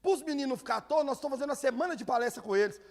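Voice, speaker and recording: Preaching a sermon in a church hall, this male pastor speaks very fast and at a very high pitch, bringing his stories to life by performing the voices of the people in them. The recording carries the hall's long reverb.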